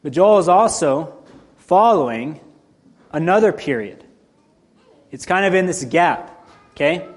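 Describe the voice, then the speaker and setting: A male preacher with a Southern drawl and a somewhat higher-pitched voice. He teaches in an informal, folksy manner, modest about himself as he leads the congregation through scripture. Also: lively intonation, measured pace, long pauses, breathy edge.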